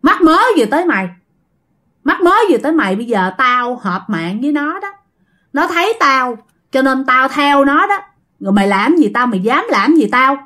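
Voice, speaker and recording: A woman's voice: high-pitched, expressive, normal speed, fairly bright tone. A woman doing a taunting female ghost. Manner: taunting, cackling. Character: mocking female ghost possessing an old woman.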